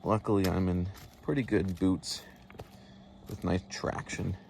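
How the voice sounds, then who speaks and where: A man's voice: low-pitched, fairly even intonation, creaky, darkish tone, a little hiss or hum. A man narrating casually while hiking a wooded mountain trail, a little out of breath, talking into a handheld phone. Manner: chatty, unhurried, with fillers. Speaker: hiker filming his walk.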